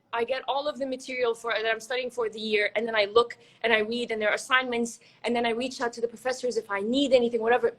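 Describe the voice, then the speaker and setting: Young adult woman from Egypt, interview guest; reflective, chatty, slightly high voice. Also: a bit bright, poor audio. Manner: chatty, restarts and fillers, reflective. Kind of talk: casual interview.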